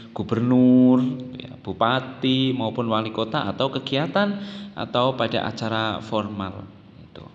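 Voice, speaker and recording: A man's voice: medium pitch, big-room sound, muffled recording. A man with an Indonesian accent explains public speaking methods to an audience, often adding "nah" and "ya". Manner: explanatory, addresses listeners, frequent "nah" and "ya". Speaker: instructor. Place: office or meeting room.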